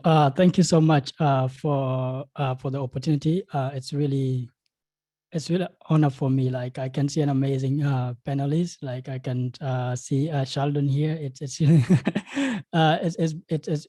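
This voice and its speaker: A man's voice: mid-range voice, dark tone, dry recording. A young man from South Sudan, speaking earnestly as a panelist in a video call, with many fillers and repeated words. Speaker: panelist, game studio founder. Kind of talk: panel discussion remarks.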